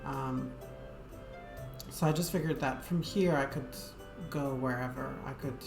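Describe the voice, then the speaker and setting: Rumbling low and a little slow, a woman's voice carries casual live-stream chat as she games. She meanders and hesitates, using many fillers, while game music plays in an echoey room.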